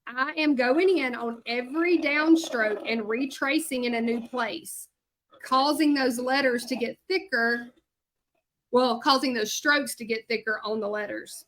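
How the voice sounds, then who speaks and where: A woman's voice: fairly high pitch, a bit bright. A woman in her thirties from Louisiana with a Southern accent, chatting to livestream viewers while teaching hand lettering. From Louisiana, USA. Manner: chatty, bubbly, talks to viewers while working. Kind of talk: casual livestream chat while demonstrating.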